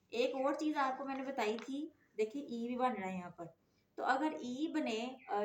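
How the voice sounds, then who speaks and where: A woman's voice: fairly high pitch, darkish tone. Patient woman teacher in an echoey room. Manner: patient, repeats checks like "okay?" often. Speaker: English phonics teacher. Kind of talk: classroom-style lesson explanation. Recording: echoey room, faint noise.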